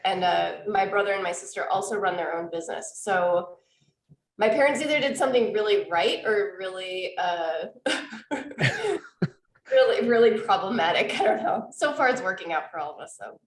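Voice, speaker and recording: A woman's voice: medium pitch, animated, normal speed, echoey room, a little hiss or hum, rough recording. A woman from Wisconsin with a Wisconsin accent, chatting casually as a podcast guest and laughing easily. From Wisconsin, US Midwest. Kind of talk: casual interview chat.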